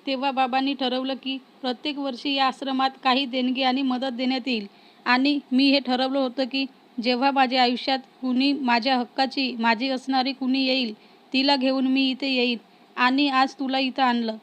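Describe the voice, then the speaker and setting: A woman reading the lines of a tender young man in a storybook romance, in a soft, even way. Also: high-pitched, moderate pace.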